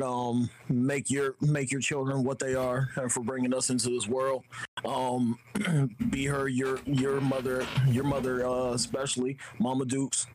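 A man co-hosting a casual podcast, speaking haltingly with repeated phrases and a smoker's rasp. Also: mid-range voice, no echo, poor audio. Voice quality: smoker's rasp with a lingering cough. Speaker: podcast co-host. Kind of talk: casual chat.

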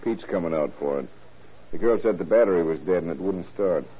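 In an old-time radio crime drama, a man with a deep, slightly fast voice plays a gruff, businesslike small-town undersheriff, terse and plain-spoken. The old broadcast recording sounds noisy and tinny.

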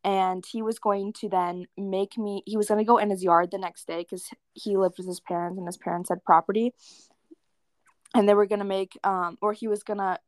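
A woman's voice: mid-range voice, fairly even intonation, moderate pace, dry recording. Young woman gushing on a podcast, lots of "like", dry close mic. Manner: giggly, gushing, trails off with "like". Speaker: podcast co-host. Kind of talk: casual chat.

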